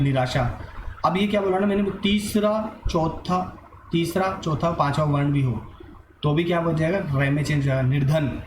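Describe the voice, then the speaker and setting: A man's voice: on the high side, echoey room, noisy background. A man teaching an online grammar lesson, asking and answering his own questions and mixing in English words.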